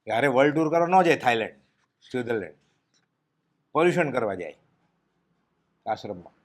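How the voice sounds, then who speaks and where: A man giving a devotional discourse, telling stories and dropping his voice low and quiet at solemn moments. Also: big pitch swings, fairly quick. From Gujarat, India. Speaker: spiritual speaker giving a discourse.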